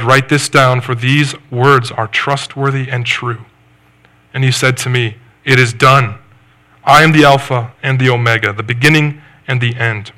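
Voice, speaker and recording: A man preaching a sermon, earnest and measured, reading scripture and posing reflective questions. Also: medium pitch, pushed and bright. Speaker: pastor.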